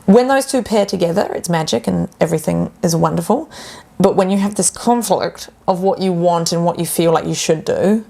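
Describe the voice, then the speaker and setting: A woman talks casually as a guest health coach on a podcast. Her voice sits a little low with a gravelly edge, and she acts out voices in a lively, animated way. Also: moderate pace, few pauses.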